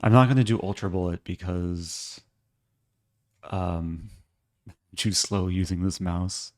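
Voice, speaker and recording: Slow, low-voiced man streaming chess. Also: steady tone. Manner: low-key, thinking aloud in short fragments. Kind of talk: casual live game commentary.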